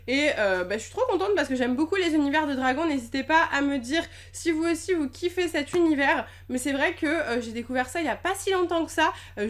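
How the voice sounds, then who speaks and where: A young woman chatting casually in an unboxing vlog, gushing and bubbly, with lots of fillers. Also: high-pitched. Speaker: YouTuber unboxing packages.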